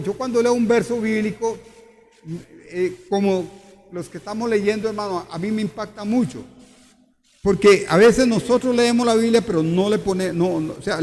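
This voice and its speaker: High-voiced pastor preaching in a reverberant church. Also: male voice, darkish tone. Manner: emphatic, repeats questions to the congregation. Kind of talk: sermon. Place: church hall.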